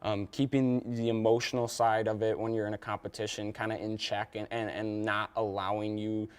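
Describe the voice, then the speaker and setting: A man's voice: on the low side, flat delivery, moderate pace, clear, resonant tone. A young man from Wisconsin, a competitive angler, talking casually as a TV guest with many fillers and restarts. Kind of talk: casual interview.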